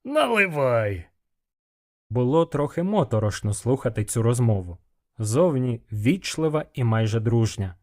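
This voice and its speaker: A male audiobook narrator reading a fantasy story in the first person. His voice sits at a middle pitch, and the telling is even and measured.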